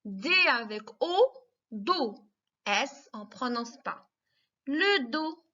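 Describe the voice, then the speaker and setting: A woman teaching small children remotely, her voice high and bright. She speaks very slowly and clearly, breaking words into sounds and syllables and offering frequent praise. The recording is dull and lo-fi. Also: big pitch swings. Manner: encouraging, praises often. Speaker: kindergarten teacher.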